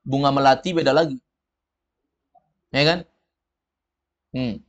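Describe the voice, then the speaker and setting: A man's voice: mid-range voice, fairly even intonation, slow pace, dull audio. A man teaching an Arabic lesson to a group, saying words for them to repeat and explaining their meanings. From of Padang descent. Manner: drills words, students repeat. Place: study room with a group.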